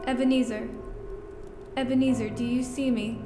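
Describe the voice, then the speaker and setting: An actress playing a serene, gentle ghost of the past in an audio drama, calm and otherworldly in manner. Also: female voice, on the high side, moderate pace, close to an everyday voice. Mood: calm, beckoning. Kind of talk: audio theater acting. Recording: long echoing reverb over loud music.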